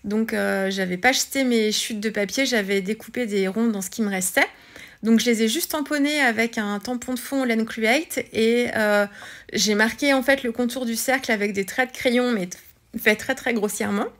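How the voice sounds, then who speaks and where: Woman, fairly high voice, casual craft tutorial voice-over, hesitant, chatty. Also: normal speed, a bit bright. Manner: chatty, hesitant, many fillers and restarts. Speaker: scrapbooking vlogger.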